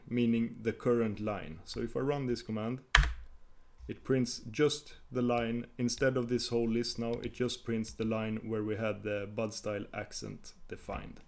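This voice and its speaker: A man talks through a coding screencast in a mid-pitched voice, explaining each command as he types. He hesitates often and restarts his phrases, and keyboard clicks come through behind him. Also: a little mellow. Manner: hesitant, many fillers and restarts while typing. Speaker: tutorial host.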